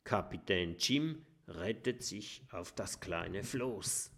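A male storyteller reads a children's adventure aloud. He takes his time, with an unhurried pace and lively, varied intonation. The reading is measured and expressive. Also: low voice, gravelly, slight background noise. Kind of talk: scripted children's story narration.

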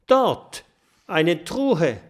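A man's voice: medium pitch, animated, a little slow, natural voice. A man voicing a timid, jumpy young male friend who is easily startled, in a storybook reading. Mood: excited shout.

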